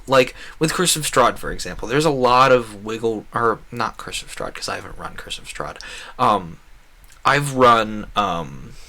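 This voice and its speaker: While streaming a game, a man chats casually with a sharp-toned, medium-pitched voice. He keeps wandering into rambling, enthusiastic tangents.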